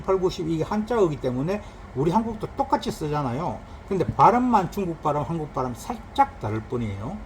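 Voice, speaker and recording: A man's voice: sits high, slight background noise, low-quality recording. A man teaching a recorded Chinese grammar lesson, explaining patiently and drawing out spoken examples. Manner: lively explaining, drawn-out examples.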